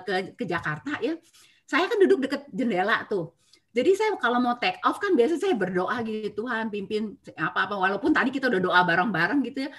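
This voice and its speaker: A middle-aged woman giving a devotional talk and personal testimony on a video call, telling her stories expressively with frequent filler words. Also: on the high side. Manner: expressive storyteller, many filler "ya" and "nah". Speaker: church speaker giving a testimony.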